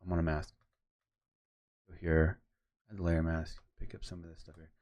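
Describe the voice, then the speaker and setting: A man's voice: sits low, little pitch movement, normal speed, a little mellow. A man talking casually as he edits photos, telling a long story in a rambling way and narrating his editing steps aloud. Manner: rambling, retells conversations with quoted voices. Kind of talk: casual storytelling while working.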